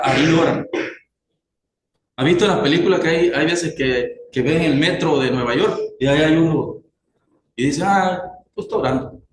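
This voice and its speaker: A man's voice: fairly high pitch, reverberant, slight background noise, rough recording. A man preaching a sermon in a conversational way, asking the congregation questions as he goes.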